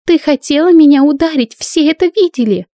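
A woman's voice: high-pitched, expressive, fairly quick, dark tone, no echo, studio quality, pitched above the performer's own voice. A woman voicing a spiteful, theatrical young woman who shrieks her accusations in a storybook reading. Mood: shrieking. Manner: shrieking, melodramatic.

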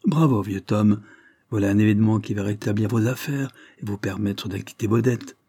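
A man's voice: on the low side, normal speed, warm tone, slightly rough, dry recording, studio quality. A man voicing a horse trainer who speaks in a pinched, snide tone, in an audiobook.

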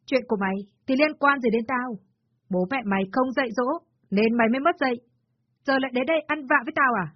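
A woman's voice: fast, dry recording, lightly acted. A woman voicing a spiteful older mother-in-law who scolds and hurls abuse, on a dull, dry recording. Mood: scornful scolding. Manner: shrill, scornful, shouting abuse.

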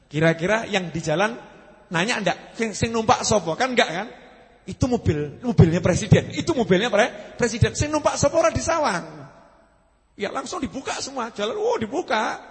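A man with a Javanese accent preaching a sermon to a gathering, lively and joking as he talks. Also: high-pitched, long reverb tail. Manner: animated, jokes and mixes in Javanese phrases.

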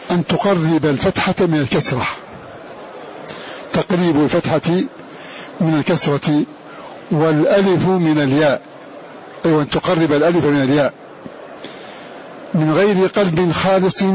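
A man teaching a lesson on Quran recitation in a deliberate lecture style, repeating each term for his students. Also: a little high, a little mellow. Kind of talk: classroom lecture. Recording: dull lo-fi recording with faint hiss.

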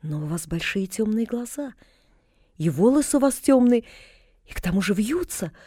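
A woman voicing a cheerful, chatty young girl who talks in a bright, excited, gushing way in an audiobook. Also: fairly high pitch, moderate pace, no room sound, studio quality, pitched above the performer's own voice. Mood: eager. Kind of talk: audiobook character reading.

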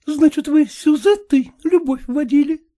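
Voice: sits high, moderate pace, dark tone, natural voice. A reader voicing a young bride who answers her husband in a haughty, sulky way.

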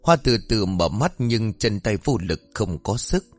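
A man narrating a ghost story in a steady, dramatic storytelling voice. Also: on the low side, measured pace. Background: faint music.

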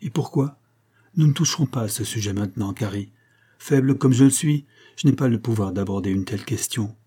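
A man voicing a gravely ill young mill owner who speaks faintly and haltingly, with tender feeling. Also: medium pitch, dark tone, lightly acted. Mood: tender, weak.

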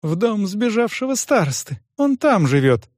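A man voicing a terrified crippled young man who whines and pleads in a high, sobbing voice. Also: very animated, normal speed, no room sound, clean studio sound.

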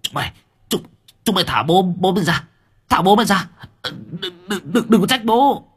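A man's voice: high-pitched, expressive, normal speed, husky, voice pushed up, exaggerated voice. A man voicing a frightened young street thug who stammers and begs. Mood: blustering. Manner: stammering, pleading.

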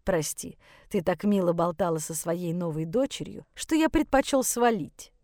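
A woman's voice: on the low side, animated, normal speed, dark tone, no echo, clean studio sound. A woman voicing a bitter, contemptuous teenage boy in an audiobook. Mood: scornful. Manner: sneering, contemptuous. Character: bitter scornful teenage boy, angry and rude.

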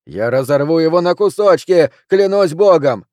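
A hot-tempered gambler who yells his accusations in a raised, strained voice, as a male audiobook reader puts him on. The sound is dry and close, with a dark, mellow tone underneath. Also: on the high side, moderate pace, no room sound, natural voice. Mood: furious. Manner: shouting, coarse and accusing. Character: hot-tempered loud male poker loser. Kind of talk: audiobook character reading.

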